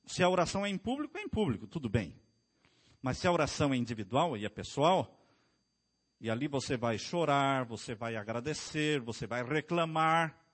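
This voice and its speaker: Husky, lively preaching pastor. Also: male voice, medium pitch, moderate pace. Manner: preaching with rhetorical questions to the congregation. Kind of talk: sermon.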